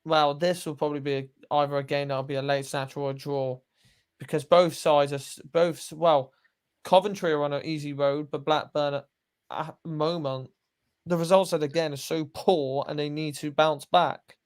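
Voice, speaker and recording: A man's voice: a little high, steady tone, normal speed, clear, resonant tone. A young man co-hosting a football fan stream, talking bluntly and swearing freely. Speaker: co-host. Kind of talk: football fan podcast chat.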